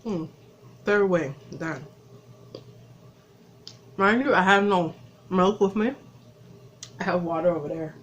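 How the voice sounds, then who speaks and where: A woman talks slowly and casually into her phone while eating, her mouth burning from spicy food. Her words come out drawn-out between bites, with self-mocking laughs. A faint hum sits behind her. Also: fairly low pitch, muffled recording. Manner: slow, breathy talk between bites, laughing at herself. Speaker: vlogger. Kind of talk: casual vlog chat. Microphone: phone camera.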